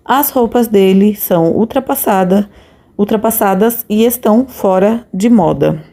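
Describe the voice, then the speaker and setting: A woman teaching an English lesson, repeating key phrases slowly and deliberately. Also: medium pitch, mellow. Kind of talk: scripted language lesson.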